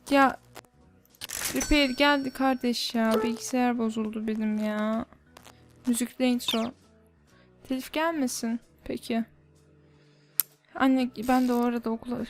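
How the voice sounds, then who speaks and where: A woman's voice: high voice, background noise. A woman giving casual gameplay commentary as a YouTuber, grumbling in exasperation as she reacts to the game. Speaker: gaming YouTuber.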